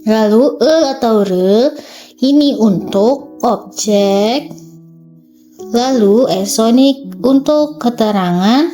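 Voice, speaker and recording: A woman's voice: medium pitch, warm tone. A woman teaching a language lesson, going through workbook exercises step by step in a chatty way and checking in with "okay" as she goes. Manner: explains step by step, reading Korean sentences slowly; chatty, frequent "oke" and "ya". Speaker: Korean language tutor.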